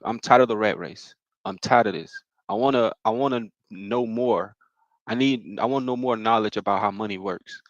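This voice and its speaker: A man's voice: medium pitch, no room sound, lo-fi sound. Dry-sounding young man presenting. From Mississippi, United States. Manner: casual, encouraging, repeats phrases. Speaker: financial workshop presenter. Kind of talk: live-streamed financial workshop talk.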